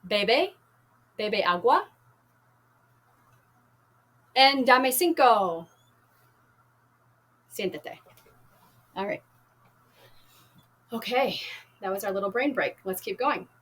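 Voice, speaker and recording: A woman teaching a Spanish class, reading a novel aloud and leading activities, speaking slowly and clearly, repeating and translating words. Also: medium pitch, expressive, a bit bright, slight background noise.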